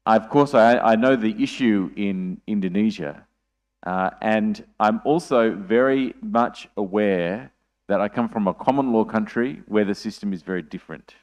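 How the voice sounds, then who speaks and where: A man's voice: on the low side, a little mellow. An Australian man speaking at an academic conference, thoughtful and hedging, often restarting and repeating words.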